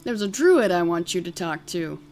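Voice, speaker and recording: A woman's voice: lowish voice, very animated, moderate pace, a little mellow. A woman streaming a video game, giving casual playthrough commentary. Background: faint game music.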